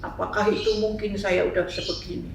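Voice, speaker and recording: A woman's voice: medium pitch, level tone, a little fast, creaky, recorded from a distance, slight background noise, lightly acted. An older woman voicing a troubled young woman who earnestly pleads her case, in a roomy room with the mic some way off. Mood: earnest pleading.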